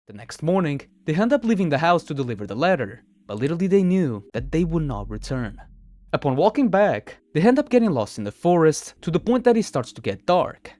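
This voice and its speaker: Narrating a horror countdown video, a man reads scripted lines that retell stories in recap form. His voice is fairly high and darkish, his pace brisk with big swings in pitch, and the recording has no room sound.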